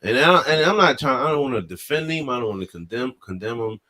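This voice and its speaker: A man's voice: mid-range voice, fast. A young man co-hosting a podcast, telling a story in casual banter and acting out the people in it. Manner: animated, acts out voices in his stories. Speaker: podcast co-host.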